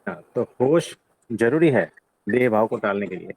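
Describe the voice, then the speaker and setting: A man's voice: medium pitch, moderate pace, creaky, husky, poor audio. A man as a spiritual teacher answering questions in a satsang, explaining patiently and often checking in with his listener. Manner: calm, patient explaining with frequent "है ना?".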